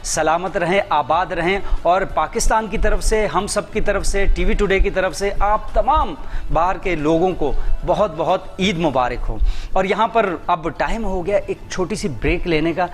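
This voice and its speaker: A man's voice: high voice, a little slow. A man co-hosting a festive TV chat show from Pakistan, chatty and joking, laughing often with his guests. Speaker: TV show co-host. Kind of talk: casual chat on an Eid TV show.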